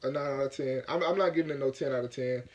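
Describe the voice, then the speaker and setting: A man's voice: medium pitch, quick pace, darkish tone. A man from Africa giving a casual movie review, rambling and repeating himself with lots of "like".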